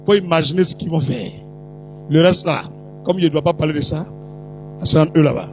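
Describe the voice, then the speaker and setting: A man's voice: fairly high pitch, fairly quick, soft background music, poor audio. A man with an Ivorian French accent preaching a sermon, chatty and teasing as he talks straight to the congregation. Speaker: prophet preaching. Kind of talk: sermon storytelling.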